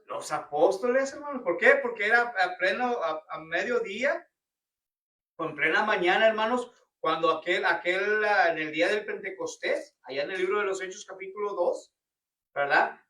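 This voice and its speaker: High, bright man teaching Bible study. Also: lively intonation, normal speed. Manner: questioning the congregation often, repeating "hermanos". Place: church. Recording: roomy church hall, picked up from a distance.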